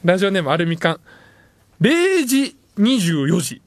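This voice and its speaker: A man hosting a late-night radio show, reading listener messages in playful, self-mocking banter and jumping suddenly into higher tones. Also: big pitch swings, a little slow, dry recording. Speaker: radio host. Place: radio studio. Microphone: studio microphone.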